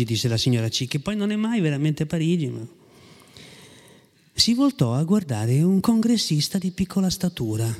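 Man reading a story aloud, ironic, mellow voice, lots of hall reverb. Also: fairly high pitch.

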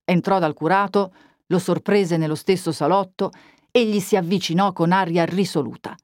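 A woman narrating a literary audiobook in a measured, expressive storytelling voice. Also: lowish voice, no room sound, studio quality. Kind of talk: literary reading.

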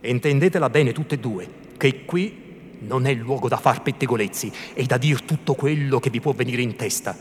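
Timid, anxious old priest, put on by a male reader; fussy, hushed scolding, faint noise of a large hall. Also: mid-range voice, moderate pace, lightly acted. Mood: sermonizing. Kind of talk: theatrical literary reading.

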